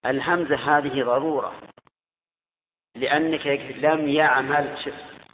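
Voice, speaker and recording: A man's voice: fairly high pitch, fairly even intonation, measured pace, slight background noise. A man teaching a grammar class, quizzing his students and repeating their answers. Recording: tinny echoey hall recording.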